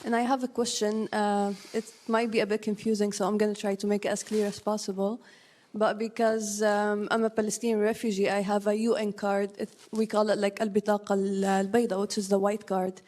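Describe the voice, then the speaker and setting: Young woman, from Syria, mellow voice, flat intonation, hesitant, filler-heavy, polite, audience question. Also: medium pitch, brisk. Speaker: audience member asking a question.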